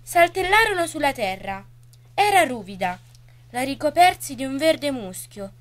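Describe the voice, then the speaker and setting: A woman gently reading a storybook in the first person on a radio poetry program. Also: sits high, sing-song, moderate pace.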